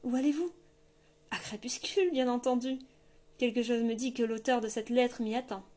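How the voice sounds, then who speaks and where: A brash young king mocks everyone around him in a loud, lifted voice, performed by a woman reading an audiobook. His lines come quick and taunting, with a bright, high edge. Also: level tone, natural voice.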